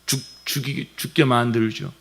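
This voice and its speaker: A male pastor delivering a Sunday sermon, swinging between raised, passionate preaching and soft, near-whispered asides. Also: mid-range voice, normal speed, gravelly, breathy edge, faint music behind. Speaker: senior pastor. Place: church sanctuary.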